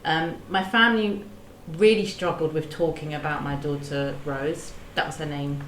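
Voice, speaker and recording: A woman hosting a podcast discussion, measured and earnest, partly reading from research notes with small restarts. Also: deep voice, steady tone, fairly bright tone, slight background noise. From London, England. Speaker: podcast host. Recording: roomy echo.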